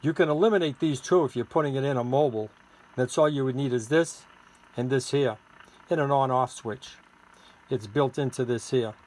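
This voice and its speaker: On a noisy, clicky recording, a man with a medium-pitched, darkish voice speaks at normal speed. He's the seller of a homemade radio gadget, giving a rambling, informal hands-on demonstration of it.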